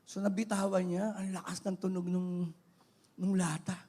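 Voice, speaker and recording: A middle-aged man with a Filipino accent, preaching a sermon in an animated way, mixing in English phrases. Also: high-pitched, moderate pace. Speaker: pastor.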